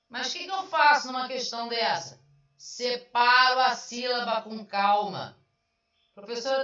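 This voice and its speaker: A woman teacher goes through exam answers step by step, chatty and questioning. Her voice is bright and keen. It sounds dull and far from the mic, in a very echoey room. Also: mid-range voice. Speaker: Portuguese language teacher. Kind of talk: online exam review lesson. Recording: roomy, distant, dull sound.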